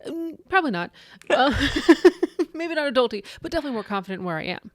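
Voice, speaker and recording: A woman's voice: high voice, sing-song, brisk, no room sound, clean studio sound. A woman in her late thirties co-hosting a podcast, chatting casually about books, with lots of "like" and "right?". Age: 30s. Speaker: podcast co-host. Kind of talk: casual book chat.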